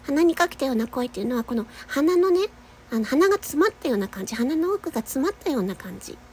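A nasal woman in her young adult years with a slightly high voice talks through a casual voice lesson. She chats easily, laughs often and demonstrates long held notes. Faint noise sits under her. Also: sing-song, quick pace, a little mellow. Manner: chatty, laughs often, demonstrates sustained tones. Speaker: voice-training podcaster.

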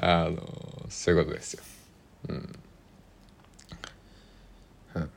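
Low-voiced man with a Kochi accent. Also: level tone, vocal fry, a little hiss or hum. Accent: Kochi (Tosa) Japanese. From Kochi, Japan. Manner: rambling, unhurried, many hesitations and soft asides. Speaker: podcast host. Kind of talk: solo casual radio talk.

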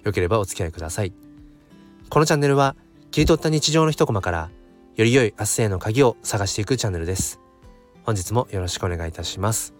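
A man with a hoarse voice hosts a casual solo audio channel, thinking aloud in a hesitant way. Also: fairly low pitch, animated, quick pace, faint music behind. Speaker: host of a daily audio channel.

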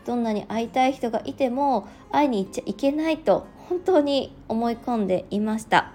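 Soft-spoken Japanese working mom podcaster. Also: female voice, on the high side, brisk, faint music behind. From regional Japan. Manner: soft-spoken, reflective, with frequent fillers. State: just woken up, slightly slow-tongued. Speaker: podcast host, working mother. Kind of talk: casual solo podcast talk.

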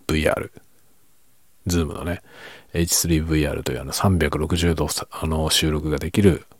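A man speaks quietly in a very deep voice with a gravelly edge, keeping it soft and unhurried as he rambles through a late-night solo chat. His tone is husky, and the recording is dry and close, with no room sound around him. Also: no echo. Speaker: podcast host.

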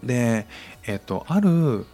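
A man's voice: medium pitch, sing-song, slow pace, warm tone, soft background music. A man hosting a casual podcast monologue, talking with lots of fillers and restarts. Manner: hesitant, many fillers and restarts. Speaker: podcast host.

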